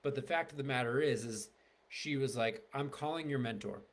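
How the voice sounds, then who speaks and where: A man's voice: medium pitch, normal speed. A middle-aged man, a marriage and family therapist, candidly telling a personal story to the camera, rambling with many fillers and restarts.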